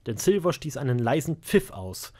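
A man narrating an audiobook in a measured, steady storytelling manner. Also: medium pitch, breathy edge. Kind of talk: audiobook reading.

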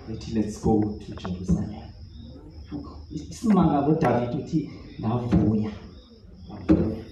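A man preaching a sermon, in a measured delivery that mixes Xhosa with English phrases. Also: mid-range voice, dark tone, a little hiss or hum. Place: large tent hall. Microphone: phone recording from the audience. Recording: echoey tent heard from far off.

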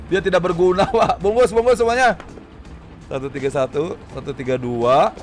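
A young man with a high-sitting voice talks at a moderate pace, giving playful, exclamatory, slangy commentary over game music. He's a gamer and video host doing casual gameplay commentary, often repeating his words.

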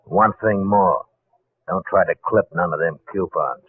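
An actor playing a sly, threatening ex-convict gangster in a 1940s radio crime drama, talking in tough, ungrammatical slang. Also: male voice, sits low, unhurried, slightly rough, no room sound. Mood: menacing. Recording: muffled old 1940s radio recording.

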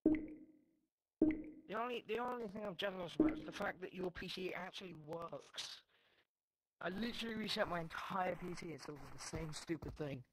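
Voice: mid-range voice, brisk, very noisy. A friend on a call in casual gaming chat, frustrated and complaining about a faulty computer.

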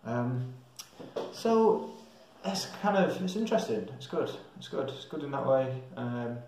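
Speaking in a sing-song way and a little slowly, this young man from England has a mid-range, darkish voice. He chats to camera as a travel vlogger, hesitant and musing aloud, from a small tiled indoor room that echoes heavily, with slight background noise.

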